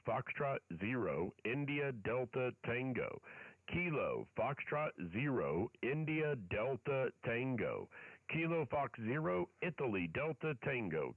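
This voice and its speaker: A man's voice: medium pitch, no echo. Give me a man calling on a thin shortwave radio. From northern Colorado. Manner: steady, repetitive call-sign delivery. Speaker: amateur radio operator. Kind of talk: calling CQ on the air. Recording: narrow phone-like radio band, dry.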